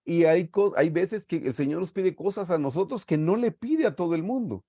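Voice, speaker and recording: Through a video call microphone comes a high-pitched voice with lively intonation at normal speed, recorded dry and clean like a studio. The speaker, a middle-aged Guatemalan man, teaches the Bible in an earnest preaching style. He tells warm pastoral stories and often calls his listeners "hermanos," brothers.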